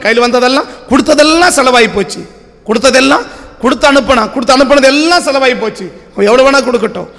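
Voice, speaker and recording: A man's voice: very high-pitched, fairly bright tone, big-room sound. A man preaching a sermon with a Tamil accent, asking the same questions again and again. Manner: repetitive rhetorical questioning. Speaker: pastor.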